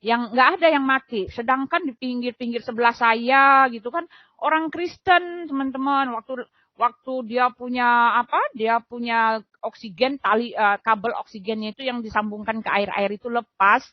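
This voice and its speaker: A middle-aged woman with a high voice shares her faith testimony in an earnest, emotional way, chatting to her friends with loose fillers. The audio is dull and dry, with no room around it. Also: steady tone, moderate pace, no room sound.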